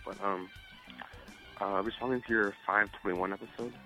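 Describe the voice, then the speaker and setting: A man's voice: on the low side, fairly even intonation, normal speed, over music. A man leaving a hesitant, mumbling voicemail as a caller, with the phone held away from his mouth so he sounds faint and distant. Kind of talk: rambling voicemail message.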